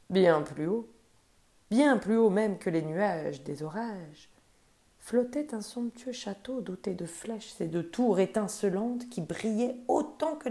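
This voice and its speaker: A woman storyteller reading a children's story aloud in a gentle, expressive way. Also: medium pitch.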